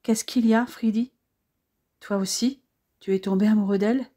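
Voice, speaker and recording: A woman voicing a wounded young soldier who has just woken, softly spoken and earnest. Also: mid-range voice, fairly even intonation, moderate pace, natural voice. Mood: tender.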